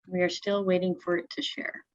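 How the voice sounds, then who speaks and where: A woman's voice: fairly low pitch, level tone, brisk. A woman co-hosting a webinar, speaking briefly and matter-of-factly over a remote video call. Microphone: remote video call mic. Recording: dull, distant call audio.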